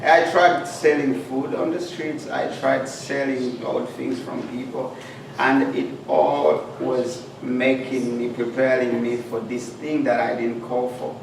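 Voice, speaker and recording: Earnest Ugandan-born speaker, gravelly tone, recorded from a distance in a reverberant hall. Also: male voice, mid-range voice. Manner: earnest, plain-spoken storytelling with pauses. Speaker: guest speaker. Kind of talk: personal life story talk. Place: club meeting room. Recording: echoey hall, far from mic, noisy.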